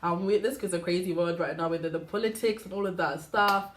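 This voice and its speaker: A woman hosting a faith podcast, talking in a chatty, animated way with lots of asides to the listener. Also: on the low side, brisk, roomy sound, noisy background. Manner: warm, chatty, animated, full of "you know". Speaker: podcast host. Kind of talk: casual faith podcast monologue.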